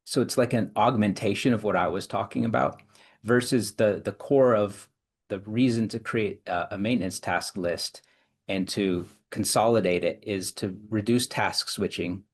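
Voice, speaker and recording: A man, a psychologist and coach, explaining ideas in long, measured answers with frequent restarts. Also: fairly low pitch, husky. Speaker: clinical psychologist and executive coach, guest. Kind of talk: explanatory interview talk.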